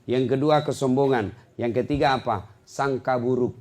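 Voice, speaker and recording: A man preaching a sermon to a live congregation with a lilt, animated and joking, with sudden loud outbursts. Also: medium pitch, moderate pace.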